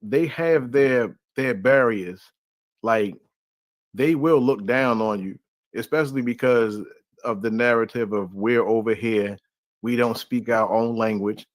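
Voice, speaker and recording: A man holds forth in an easygoing, rambling way and keeps circling back with filler phrases. His voice sits at a middling pitch. It is recorded dry, with no room sound. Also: a little slow, no echo. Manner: loose, conversational, heavy on filler phrases. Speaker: podcast panelist. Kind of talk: casual opinionated discussion.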